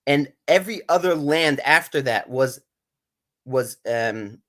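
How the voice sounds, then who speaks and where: A male caller argues hard in a heated debate, combative and insistent, cutting in again and again. His voice sits at an ordinary pitch for a man. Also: lively intonation, takes it slowly, a bit bright. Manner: combative, insistent, keeps interrupting.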